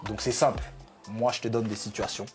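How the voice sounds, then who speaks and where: A young man co-hosting a casual chat show, eager and quick to agree with his guest. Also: fairly low pitch, flat delivery, soft background music. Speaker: co-host.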